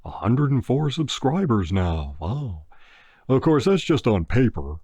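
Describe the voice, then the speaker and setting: A man hosting his own movie review channel chats in a rambling, laid-back, podcast-style way, full of ums and uhs. His medium-pitched voice is dark and husky, swinging widely in pitch at a measured pace, with no echo.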